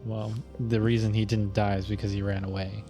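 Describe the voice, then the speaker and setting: A man's voice: fairly low pitch, flat delivery, fairly quick, dark tone, highs cut off, faint music behind. A man playing in a tabletop role-playing game who argues his points in an earnest, persuasive way. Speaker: player. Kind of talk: tabletop role-play and reading aloud.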